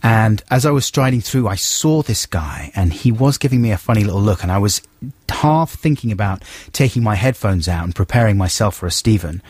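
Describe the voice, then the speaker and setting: Casting: male radio co-host, lowish voice, dry studio sound, rambling and self-mocking. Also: lively intonation, a little fast, a little mellow, slightly rough, no echo. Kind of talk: casual radio chat. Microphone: studio mic.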